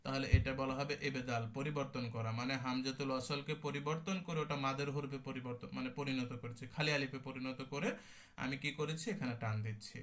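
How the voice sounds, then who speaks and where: A man's voice: mid-range voice, fairly even intonation, fast, fairly bright tone. A young man teaching an online Quran recitation class, explaining rules patiently, asking and answering his own questions, and drawing out sample sounds again and again.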